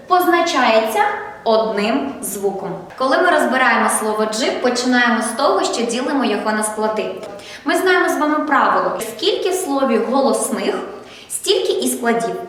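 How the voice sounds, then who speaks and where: A woman primary school teacher giving a first-grade literacy lesson, speaking slowly and clearly, asking questions and praising answers. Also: high-pitched, fairly bright tone, very echoey, big-room sound, recorded from a distance, a little hiss or hum. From Ukraine.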